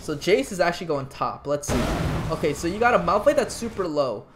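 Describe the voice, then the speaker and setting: A man's voice: a little high, sing-song, a little fast, over music. A man casually coaching a player through a game replay, talking in loose, restarting sentences. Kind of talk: casual gameplay analysis commentary.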